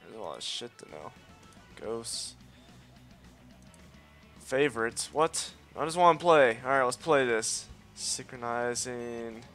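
Soft music plays under this let's play host's mid-range voice, which moves at a slow pace with long pauses. Commentating live on his gameplay, he's excitable, boastful, and cocky, swearing often and yelping at mishaps.

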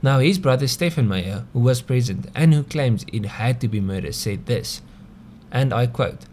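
There's slight background noise as a man with a South African accent narrates a scripted explainer video at normal speed. His medium-pitched voice is expressive and a little mellow, and he talks conversationally as the host, often tossing out rhetorical questions.

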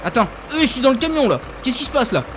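A man giving joking, excitable commentary while playing a video game. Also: very high voice, fast talker, a little hiss or hum. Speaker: gaming YouTuber. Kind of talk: let's play commentary.

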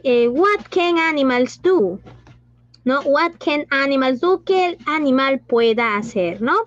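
This is an online class led by a high-pitched woman teacher who mixes Spanish and English while asking questions and complimenting her pupils. The sound is dull and lo-fi, though without any echo.

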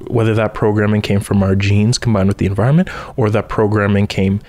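A young man on a podcast talks through an idea on his own, in a somewhat low voice. His delivery is casual and unpolished, full of ums, repeated words and sentences that restart midway. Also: fairly even intonation, a little fast, darkish tone, slight background noise. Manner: thinks aloud with frequent ums and restarts. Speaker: podcast host. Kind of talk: casual solo podcast monologue.

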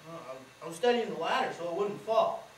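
Sheepish teen boy, played by a student, higher lively voice, far off in an echoey room. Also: fairly quick, a little hiss or hum. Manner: hesitant, sheepish replies. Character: timid teenage grandson, flustered and meek. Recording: distant echoey auditorium recording.

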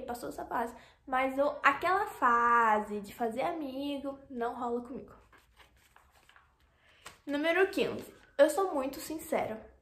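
A young Brazilian woman talks to camera in a loose, chatty vlog, her voice sitting high and bright. She rambles along with plenty of fillers and restarts. The sound bounces around an echoey room. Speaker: YouTuber. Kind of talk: casual vlog chat.

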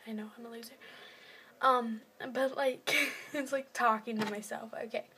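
Filming her first vlog, a teenage girl rambles casually to her phone camera, poking fun at herself and often slipping into a half-whisper. She has a fairly high voice with fairly even intonation and a moderate pace, and background noise can be heard.

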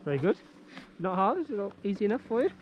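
A man skiing down a snowy slope, gently encouraging and coaching his child as he talks, picked up by a helmet camera. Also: high-pitched, big pitch swings, fast, muffled recording, slight background noise. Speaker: parent skiing with his son. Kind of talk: casual chat. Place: outdoors on a snowy ski slope.

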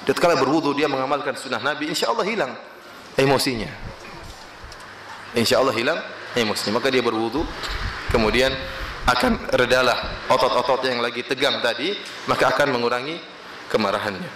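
A male Islamic preacher giving an emphatic sermon, swinging widely in pitch and quoting Arabic phrases. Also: brisk, long pauses, fairly bright tone, roomy sound, a little hiss or hum, low-quality recording.

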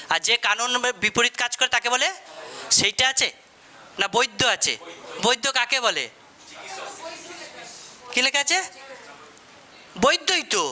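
A man's voice: high voice, pushed and bright. A man teaching a classroom lesson in a Bengali accent, quizzing students and repeating their answers back.

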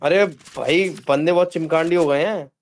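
A man playing in a shooter squad, giving quick callouts to his teammates. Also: on the high side. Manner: short urgent callouts. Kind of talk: live gameplay chat. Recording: clear gunfire behind.

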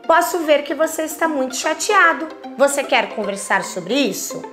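A patient, caring mother from a storybook, as a Brazilian woman reads her. She asks gentle, soothing questions in a high voice, and faint music plays behind. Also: expressive, normal speed.

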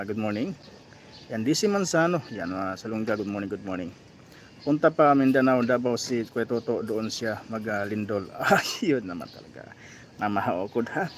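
A man with a Filipino accent chats casually on a live stream, greeting viewers by name with plenty of fillers and pauses. His voice sits at an ordinary middle pitch. Faint outdoor noise and birdsong run behind him. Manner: reads viewer names and comments aloud with fillers. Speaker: vlogger reading live chat.

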